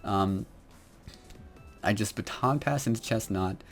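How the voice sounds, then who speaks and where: Young male gamer, low-pitched and quiet, talking through his own match over faint background music, hesitant. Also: slow. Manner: quiet, hesitant, many fillers. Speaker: Pokemon battle commentator. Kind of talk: game commentary.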